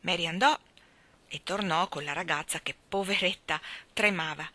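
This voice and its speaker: A woman reading a classic novel aloud in a calm, even storytelling voice. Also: on the low side, moderate pace, dry recording.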